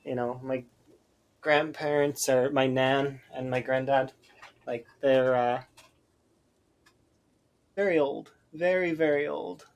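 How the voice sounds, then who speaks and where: A man's voice: medium pitch, fairly even intonation, takes it slowly, gravelly, pauses often. A Canadian man chatting casually while streaming a game, rambling with lots of hesitant fillers. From Alberta, Canada.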